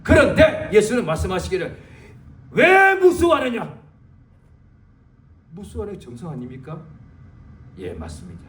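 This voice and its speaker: A male pastor preaching a sermon in a church, dramatic, swinging from loud exclamations to low muttered asides. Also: huge pitch swings, a little fast. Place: church sanctuary. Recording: echoey church hall, distant mic.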